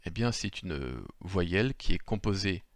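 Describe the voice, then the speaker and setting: A man's voice: low-pitched, animated, measured pace, dry recording, studio quality. A man giving an improvised spoken lesson, hesitant, with many fillers, correcting himself as he goes. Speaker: language teacher. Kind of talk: improvised screen-share lesson.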